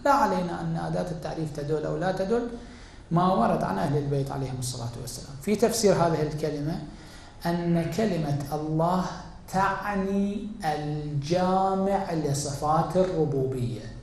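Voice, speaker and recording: A man, a cleric, giving a deliberate religious lecture, asking and answering his own questions, his voice rising to emphatic peaks and dropping to hushed asides. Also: fairly high pitch, gravelly, a little hiss or hum. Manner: swings between raised emphatic and hushed tones. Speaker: cleric teaching Quran exegesis. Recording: very echoey hall.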